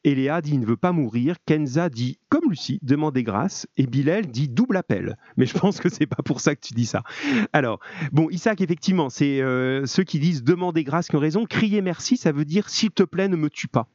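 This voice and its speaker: A man's voice: on the high side, expressive, brisk, a little mellow, no echo, highs cut off. A male French teacher running a live call-in lesson with his students, speaking in a friendly, informal and encouraging way. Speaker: middle-school French teacher.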